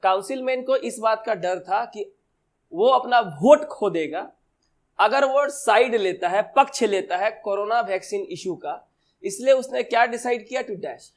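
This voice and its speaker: Male tutor with a high voice, poses questions and answers them, reads examples slowly. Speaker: teacher. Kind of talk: exam-prep lesson.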